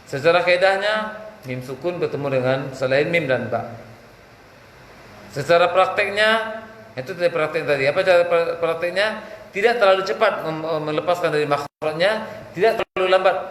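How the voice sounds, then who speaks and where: Male Quran teacher with a Minangkabau-tinged accent, a little high-pitched, asks and answers his own questions, chants examples, echoey room. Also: a bit bright. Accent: Minangkabau-tinged Indonesian. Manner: explains by question and answer, chants verses slowly. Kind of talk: tajwid lesson with chanted examples. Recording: echoey room with faint background noise.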